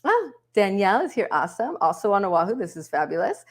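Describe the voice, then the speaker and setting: A woman's voice: mid-range voice, big pitch swings, quick pace. A woman hosting a live online workshop from home, chatting upbeat with viewers in the comments over a webcam. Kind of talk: casual livestream hosting. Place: home, yard work heard outside.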